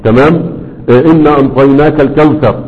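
A man's voice: medium pitch, fast talker, phone-quality sound. Man lecturing in an echoey hall. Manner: explains and checks in with students often. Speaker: teacher. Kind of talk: classroom lecture.

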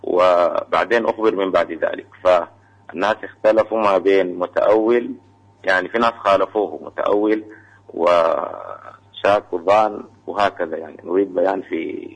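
A man calling in to a radio show, asking a religious question about prayer, hesitant with many pauses and fillers. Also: deep voice, poor audio. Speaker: caller.

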